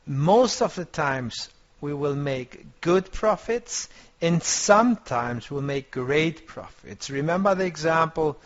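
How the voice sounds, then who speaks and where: A man teaching a trading course, coaching his students in a motivational way and often searching for words. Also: a little high. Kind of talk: online course lecture. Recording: dull lo-fi compressed audio.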